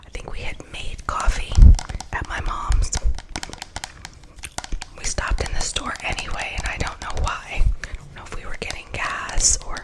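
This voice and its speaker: A woman whispering an ASMR unboxing and chat in a soft, breathy, soothing voice, repeating words and phrases. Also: unhurried, low-quality recording. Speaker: ASMR creator and host.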